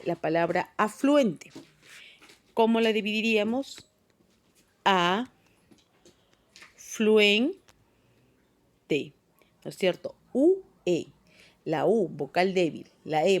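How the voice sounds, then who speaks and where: A woman teaching a grammar lesson, explaining patiently step by step and checking in with short tag questions. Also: medium pitch. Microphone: phone voice recorder.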